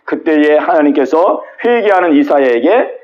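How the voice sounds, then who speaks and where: A man's voice: fairly high pitch, lively intonation, moderate pace, lo-fi sound. A male pastor preaching a Wednesday sermon at a small church, retelling scripture with dramatic quoted voices and asking the congregation questions.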